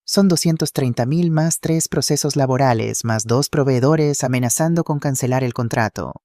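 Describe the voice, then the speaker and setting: A storyteller voicing a wealthy blind husband who speaks low, controlled and quietly dangerous. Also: normal speed, no echo, clean studio sound, natural voice. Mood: cold. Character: calm, wealthy blind older husband, coldly protective.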